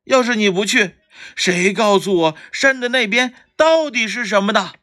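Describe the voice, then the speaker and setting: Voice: medium pitch, slow pace, voice pushed up. A storyteller voicing an eager, bossy little animal friend in a children's story. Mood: urgent. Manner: excited, loud calls.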